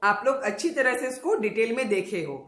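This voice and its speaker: A woman teaching children, sounding out words slowly and syllable by syllable. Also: a little high, lively intonation, a bit bright, reverberant, poor audio. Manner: drawn-out, syllable-by-syllable word demonstrations. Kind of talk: Hindi lesson for children.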